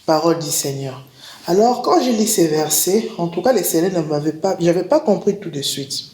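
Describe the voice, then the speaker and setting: Halting woman preacher in an echoey room. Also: lowish voice, dark tone. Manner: halting, repeats and restarts words, reads verses slowly. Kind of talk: spoken testimony with scripture reading. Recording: roomy echo.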